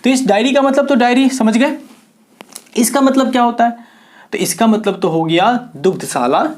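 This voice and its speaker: A man's voice: high voice, a little mellow. A man from Bihar, India, giving a video lesson as an English teacher, spelling words out letter by letter and asking his viewers questions he then answers himself. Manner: asks the viewer rhetorical questions and answers them. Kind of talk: classroom-style video lecture.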